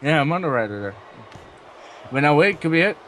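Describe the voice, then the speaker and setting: A man working as a wrestling commentator, giving excited play-by-play and drawing out his calls of big moves. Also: on the high side, moderate pace, a little hiss or hum.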